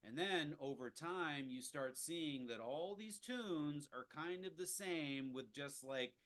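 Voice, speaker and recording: A man's voice: fairly high pitch, expressive, takes it slowly, a bit bright. A man leading a casual jazz improvisation lesson, rambling with lots of restarts and fillers. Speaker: jazz teacher.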